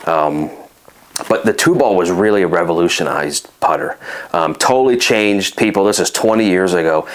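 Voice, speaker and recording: Male host, deep register, loose conversational delivery that wanders and restarts mid-thought. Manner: rambling, frequent ums and restarts. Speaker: golf channel host. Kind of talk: casual ranking talk.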